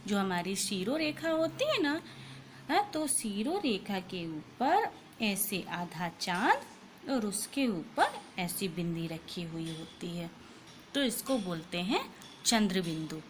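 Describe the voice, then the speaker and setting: A woman teaching a Hindi lesson to children, explaining slowly and patiently and repeating each sound. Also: mid-range voice, sing-song, slight background noise.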